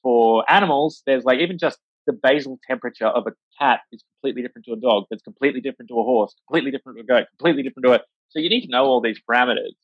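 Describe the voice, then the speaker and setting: A man's voice: medium pitch, very fast, hardly any pauses, dry recording. Man, vet, casual rambling interview chat, many fillers, dry dull recording. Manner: acts out voices when quoting. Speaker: veterinarian, interview guest.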